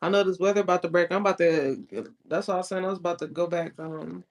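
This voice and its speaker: A woman's voice: lowish voice, fairly even intonation, fast talker. A woman co-hosting a casual podcast chat, telling stories in a laid-back, profane, slangy way. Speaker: co-host.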